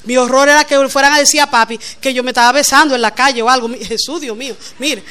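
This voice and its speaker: A middle-aged woman preaches a conversational sermon in a high voice. Her tone is bright and clear. She is animated and often laughs as she tells her stories. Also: fast talker. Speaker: preacher, pastor's wife.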